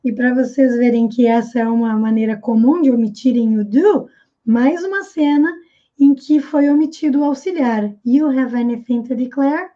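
A Brazilian Portuguese-speaking woman teaching English pronunciation, slowly and carefully repeating English phrases. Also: on the high side, warm tone, muffled recording. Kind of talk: explaining pronunciation in a video lesson.

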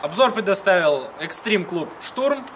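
High-voiced man talking through a face mask. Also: animated, measured pace, fairly bright tone, a little hiss or hum. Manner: matter-of-fact, explanatory. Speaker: airsoft gear reviewer. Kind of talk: product review to camera. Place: outdoors in freezing weather.

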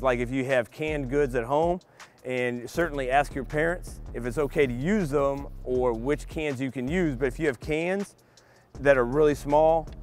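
A middle-aged man coaching basketball, calmly explaining drills step by step to young players in a large empty indoor arena. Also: mid-range voice. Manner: patient step-by-step explaining to kids. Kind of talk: instructional clinic demonstration.

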